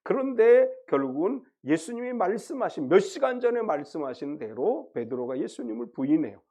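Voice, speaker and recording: A man's voice: a little high, big pitch swings, brisk. A man preaching a sermon as pastor, retelling a Bible story and acting out the voices in it. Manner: acts out quoted voices of Peter and Jesus, swinging loud to soft.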